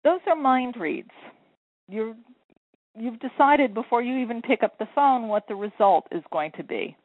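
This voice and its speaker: A woman's voice: on the high side, animated, moderate pace, dry recording. A woman sales coach and author giving earnest, encouraging advice step by step in a phone interview. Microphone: telephone. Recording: tinny phone line.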